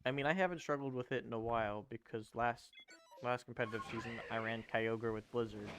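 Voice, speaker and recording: A twenty-year-old man streams a game and chats casually, rambling, correcting himself, and answering viewers as he plays. His medium-pitched voice is brisk and a bit bright. Soft music plays in the background.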